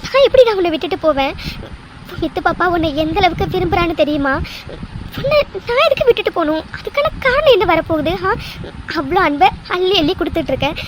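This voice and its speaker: A woman voicing a very high, playful bride-to-be. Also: big pitch swings, quick pace, noisy background. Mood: tender. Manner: teasing and affectionate, fond of exclamations. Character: playful young woman engaged to be married. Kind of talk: cartoon voice dub.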